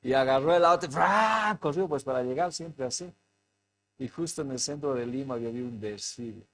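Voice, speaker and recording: A man, a pastor, tells a personal story in a sermon, acting out the dialogue, and rises into forceful preaching. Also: mid-range voice, quick pace. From Bolivia.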